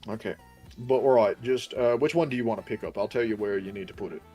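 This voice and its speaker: A man's voice: fairly low pitch, quick pace, mellow, soft background music. A man chatting casually as a player in a tabletop fantasy game, explaining things patiently. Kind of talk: casual in-character game chat.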